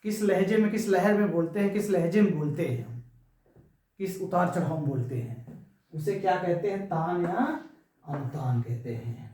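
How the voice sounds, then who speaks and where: A man's voice: high voice, moderate pace, dark tone, a little hiss or hum. A man teaching a Hindi grammar class, repeating key terms and asking and answering his own questions. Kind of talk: classroom lesson. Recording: very echoey room, far from mic.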